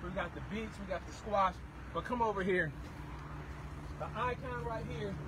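A middle-aged man runs a casual promotional livestream from a tented farm stand beside a street, giving an enthusiastic, repetitive sales pitch at normal speed. He holds his phone about an arm's length away, and the outdoor recording picks up plenty of street noise.

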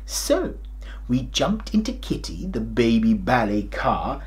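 A middle-aged man plays a kindly, forgetful old king of a grandad telling a story to small children. His mid-range voice goes slowly, jolly and theatrical, rising and falling expressively with hammed-up hesitations and chuckles.

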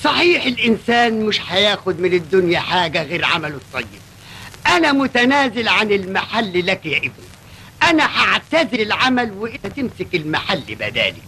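An actor playing a greedy, bossy middle-aged shop owner who barks orders, with an Egyptian accent. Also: male voice, high-pitched, big pitch swings, brisk, sharp tone, slight background noise, heavily acted. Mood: solemn. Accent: Egyptian Arabic.

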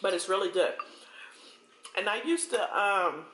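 Young American woman, mukbang host, unhurried and chewing between phrases, in a roomy kitchen with cutlery clinks. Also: mid-range voice, lively intonation, fairly bright tone, a little hiss or hum. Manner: chewing and eating while talking, in broken phrases. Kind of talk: casual eating-show chat. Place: home kitchen, indoors. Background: cutlery and dish clinks.

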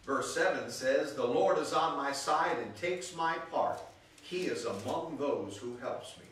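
In a church sanctuary, a pastor preaches a sermon, reading scripture aloud and calling out to the congregation. His mid-range, fairly bright voice moves at a measured pace and is picked up from a distance in the echoey room, with a little hiss or hum.

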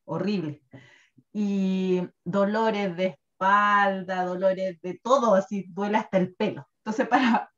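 Chilean woman, 30s, talkative guest with lots of laughs, dull lo-fi sound. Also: a little high. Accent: Chilean Spanish. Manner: chatty and animated, laughs often, tells things with feeling. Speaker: guest presenting wellness products. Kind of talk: casual chat. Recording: dull lo-fi recording.

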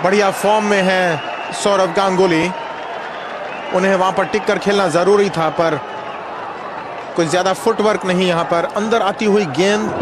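Male cricket commentator with a high, excited delivery, heard over heavy crowd roar and broadcast noise. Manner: excited play-by-play, praising shots. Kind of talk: Hindi sports commentary. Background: cheering stadium crowd.

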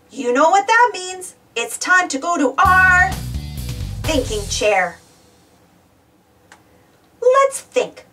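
Reading a storybook to children, a woman exclaims and poses questions to her young audience in an animated read-aloud. Her voice sits high and is a bit bright, and she is far from the microphone.

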